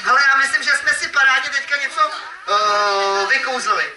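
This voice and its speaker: A man performing as a children's magician at a live event, playfully teasing the kids and calling out to the crowd. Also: extremely high pitch. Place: event hall with audience. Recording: echoey, distant mic, noisy ambience.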